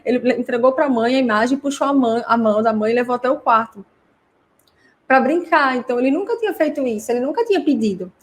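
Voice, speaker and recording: A woman with a Brazilian Portuguese accent who hosts a live class for parents. She explains conversationally, works through many examples and often adds tag questions. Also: high voice. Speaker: host and parent educator.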